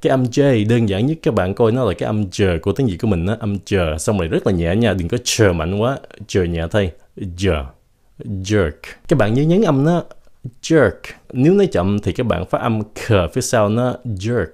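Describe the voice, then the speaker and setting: Male English teacher, lively, low voice, breaks down pronunciation slowly. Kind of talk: language lesson.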